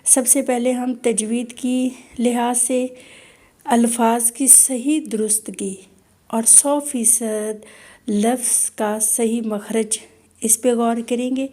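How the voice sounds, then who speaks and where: Woman tajweed teacher, slightly high voice, patient and instructive, repeats sounds slowly. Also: mellow. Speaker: Quran recitation teacher. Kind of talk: online tajweed lesson.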